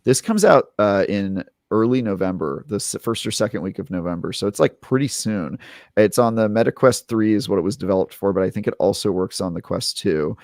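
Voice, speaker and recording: Low-voiced man rambling through a podcast. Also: fairly quick, dry recording, studio quality. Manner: rambling, filler-heavy, animated retelling. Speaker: podcast co-host, game reviewer. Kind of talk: casual podcast chat.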